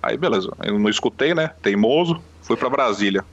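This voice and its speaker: A man, the guest on an interview, telling a story in an excitable, animated way with sudden jumps in pitch. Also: brisk, highs cut off. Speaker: poker player guest. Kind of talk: casual storytelling.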